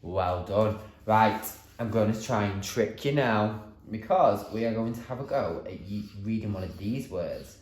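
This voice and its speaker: A man teaching a phonics lesson to young children, in a sing-song, encouraging way with drawn-out, exaggerated sounds. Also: on the low side, darkish tone, roomy sound. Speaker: primary school teacher.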